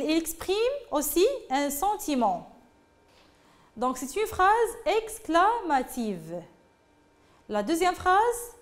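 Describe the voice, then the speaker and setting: Slow, high-voiced woman teacher. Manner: slow and patient, repeats phrases, addresses pupils directly. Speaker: French teacher. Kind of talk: classroom grammar lesson.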